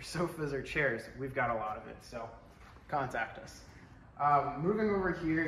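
Male, 20s, casual tour host, empty warehouse echo, camera mic a few feet off, some background noise. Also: mid-range voice. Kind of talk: casual walk-through tour narration. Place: large warehouse room with concrete floor, indoors. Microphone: handheld camera a few feet away.

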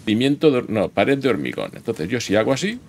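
A man's voice: medium pitch, sing-song, fairly quick, background noise. A man casually commenting while he plays a building game, chatting and joking with himself and the game. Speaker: gameplay streamer. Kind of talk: casual let's-play commentary. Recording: game music loud behind.

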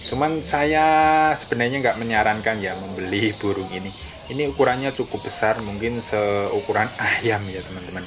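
Over music, a man with a lowish voice speaks at a moderate pace as a bird-keeping vlogger, filming outdoors by bird cages on paving with his phone. Friendly and chatty, he explains as he goes and keeps saying "friends" with a dropping tail, and the phone audio carries clear background noise.

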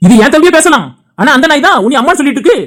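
A woman's voice: high-pitched, lively intonation, rapid-fire, over music. A woman with a Tirunelveli Tamil accent voicing an angry husband in a cartoon, who scolds his wife in a heated, insulting way while defending his brother. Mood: contemptuous. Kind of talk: cartoon dialogue acting.

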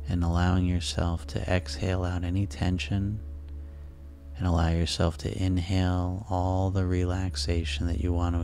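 Over relaxation music, a man guides a sleep hypnosis with a deep, mellow voice that barely rises or falls. He speaks softly and soothingly, never hurrying, leaving pauses between calm phrases.

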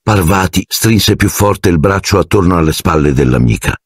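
A man narrating an audiobook in an expressive, measured storytelling manner. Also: sits low, breathy edge, dry recording, studio quality. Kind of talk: scripted narration.

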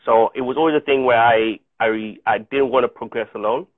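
A man in his thirties, a guest actor from South Africa with Chichewa as his first language, speaks earnestly and reflectively in a casual video-call interview from a room at home. His storytelling keeps restarting. He uses an earphone mic, and his mid-range, steady voice comes through fairly quick, tinny and phone-like, with no echo.

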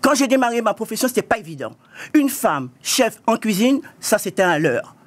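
A woman's voice: on the high side, big pitch swings, moderate pace. A woman chef in her sixties arguing emphatically in a heated TV studio debate, repeating her points. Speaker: chef and guest. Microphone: lapel.

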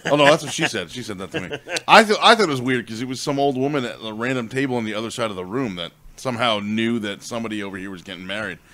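A man's voice: medium pitch, animated, racing, hardly any pauses, bright, forceful tone. Rambling, laughing young man on a podcast. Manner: rambling, laughing, many fillers. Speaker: comedy podcast co-host. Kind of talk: casual comedy podcast chat.

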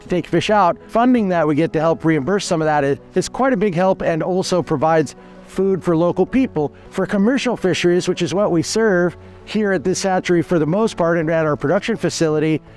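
A man in his forties with a high-pitched, slightly mellow voice talks fairly quickly while giving a tour of his creekside fish hatchery, where he is the manager. Soft music plays in the background. He explains things in an earnest, matter-of-fact way, often restarting mid-thought.

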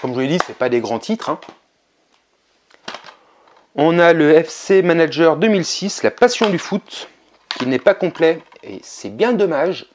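A man with a slightly high voice talks through a casual vlog in a relaxed, chatty way, pausing to hesitate now and then. A faint hiss of noise sits under the recording. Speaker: video game collector vlogger.

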